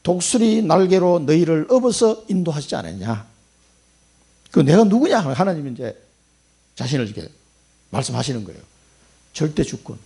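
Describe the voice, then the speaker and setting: A male pastor delivers a dramatic sermon in a high, gravelly and husky voice. His pitch leaps around constantly as he acts out quoted voices, swinging from loud bursts to hushed asides.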